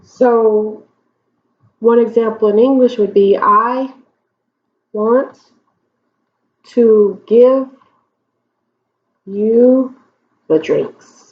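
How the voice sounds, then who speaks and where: Patient language teacher, woman, drawn-out pacing, frequent "okay?" check-ins. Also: a little high. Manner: slow, deliberate explanations with frequent check-ins. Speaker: Spanish teacher. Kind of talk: whiteboard grammar lesson. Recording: dull lo-fi recording.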